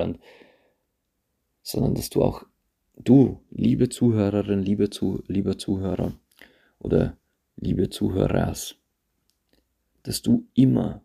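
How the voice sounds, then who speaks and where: A man hosting a podcast, talking reflectively to his listeners in a halting way and often repeating himself. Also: on the low side, vocal fry, warm tone, husky. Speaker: podcast host. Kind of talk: personal monologue to listeners. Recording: handheld phone, voice drifts off-mic at times.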